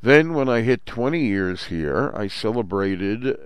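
A man, hosting a Torah commentary talk in a measured, explanatory way and using Hebrew terms. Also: on the low side, lively intonation, clear, resonant tone, dry recording. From Brooklyn, New York. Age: 60s. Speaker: host.

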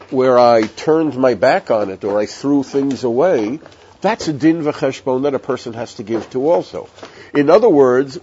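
This recorded Torah class comes from a man with a medium-pitched, darkish voice who teaches in a chatty, digressive manner and cracks jokes as he goes. It's dull lo-fi audio with a faint hiss.

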